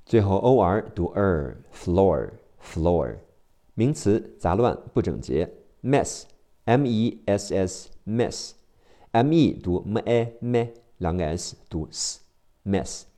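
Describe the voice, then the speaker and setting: A man teaching English vocabulary in a phonics drill, spelling out each word letter by letter in a slow, deliberate way. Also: low voice, warm tone.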